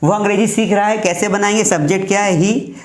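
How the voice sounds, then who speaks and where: A man's voice: high voice, fairly even intonation, fast, reverberant. A man, teaching a grammar lesson step by step and repeating examples. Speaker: English teacher.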